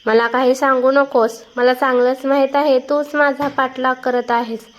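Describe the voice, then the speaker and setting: A woman reading a story aloud and voicing an angry older mother who shouts accusations. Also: high-pitched, flat delivery, moderate pace, lightly acted. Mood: furious.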